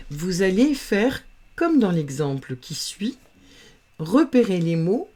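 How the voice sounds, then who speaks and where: A woman teaching reading, patiently sounding out letters and syllables in a slow phonics lesson. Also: on the low side, warm tone.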